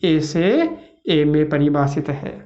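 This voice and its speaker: A man's voice: fairly high pitch, big pitch swings, mellow. A male math tutor teaching a lesson, who keeps asking rhetorical questions and answering them himself. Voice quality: repeats his own questions with a drawn-out "bhai". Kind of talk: classroom math lecture. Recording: roomy, slightly dull lo-fi sound.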